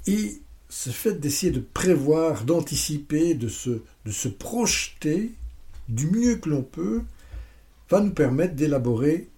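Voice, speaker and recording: A man's voice: on the high side, slow pace. A man presenting a business lesson step by step, with playful, self-mocking asides. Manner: steady step-by-step explaining.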